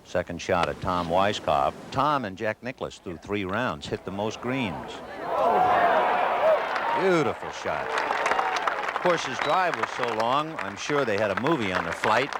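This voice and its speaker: A low-pitched man works as a golf commentator on a live tournament, slipping in wry, wisecracking asides. The sound is a noisy vintage 1980s broadcast, with an outdoor crowd behind him. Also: expressive, moderate pace. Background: outdoor gallery crowd and ambience.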